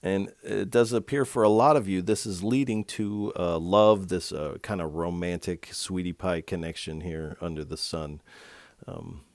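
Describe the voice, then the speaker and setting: A man with a very low voice gives a tarot card reading. He speaks gently and reflectively, addressing the listener directly. The sound is dry and close, with no room echo. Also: a little slow. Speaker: tarot reader.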